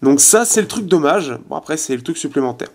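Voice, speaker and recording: A man's voice: fairly high pitch, lively intonation, brisk, a little mellow, a little hiss or hum. Chatty man reviewing a phone. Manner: chatty, many fillers, trails off while testing. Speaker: tech reviewer. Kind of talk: casual phone review demo. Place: his apartment, resonant room.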